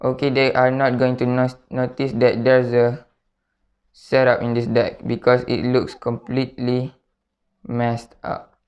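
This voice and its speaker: A man's voice: medium pitch, monotone, unhurried, a little mellow. A man presenting a step-by-step spoken tutorial, repeating himself and often checking in with short tag questions. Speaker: card trick tutorial presenter. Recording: dull, lo-fi sound.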